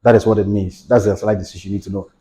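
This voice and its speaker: Speaking rapid-fire in a mellow, fairly low voice with a level tone, a man from Ghana explains legal rights to the camera. As a legal educator, he is patient, going over his points again and grounding them in ordinary examples.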